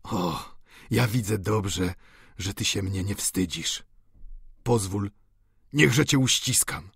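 A man reading an audiobook, voicing an aging, doting father who talks in a husky, pleading way. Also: a bit bright, no room sound, clean studio sound, heavily acted. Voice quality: husky, slow and low.

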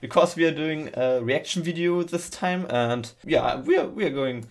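A man's voice: fairly high pitch, lively intonation, a little hiss or hum. Giggly young German man reacting. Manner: giggly, chatty, slightly halting English. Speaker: reaction video host. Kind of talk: casual reaction commentary. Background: loud music from the video he watches.

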